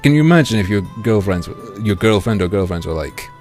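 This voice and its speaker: A man livestreaming through a headset mic, reading a game aloud and joking crudely with his chat in a deadpan way. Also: on the low side, a little fast, music in the background.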